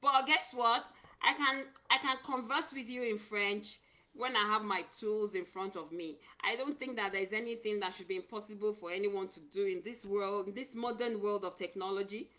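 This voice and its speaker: With a bright, forceful mid-range voice at a moderate pace, a woman from Nigeria who works as an immigration consultant answers viewers on a live stream. She's earnest, reads comments out loud, and frequently restarts or repeats words.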